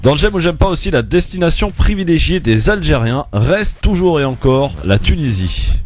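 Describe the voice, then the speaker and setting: A man hosting a casual radio talk show, asking guests lively, teasing questions with many fillers. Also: a little high, normal speed, slight background noise.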